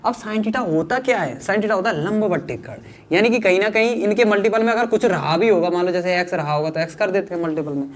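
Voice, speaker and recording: A man's voice: sits high, fast talker, slight background noise. A man with a north Indian Hindi accent teaching a maths lesson in a chatty, teasing, reassuring way. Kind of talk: informal classroom lesson.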